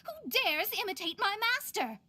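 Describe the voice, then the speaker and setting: A woman's voice: very high voice, sing-song, moderate pace, noisy background. A woman voicing a young witch's pupil in a game, suspicious and fiercely loyal. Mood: startled, indignant. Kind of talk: scripted game dialogue.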